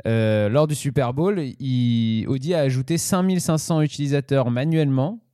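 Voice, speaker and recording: A man's voice: medium pitch, moderate pace, mellow, dry recording, clean studio sound. A man co-hosting a casual podcast discussion, explaining and speaking directly to listeners.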